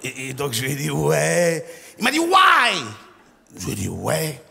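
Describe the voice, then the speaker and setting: A man from Ivory Coast doing stand-up, acting out characters and bursting into shouted voices. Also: a little high, animated, brisk, creaky. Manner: acts out characters, switches into loud shouted voices. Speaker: stand-up comedian. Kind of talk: stand-up comedy. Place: large theatre stage. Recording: live hall reverb with audience.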